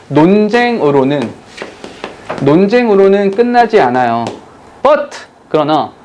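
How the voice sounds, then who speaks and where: A man teaching an English lesson to students in a classroom, talking to them directly in a jokey, animated way. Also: a little high, slight background noise. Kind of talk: classroom lecture.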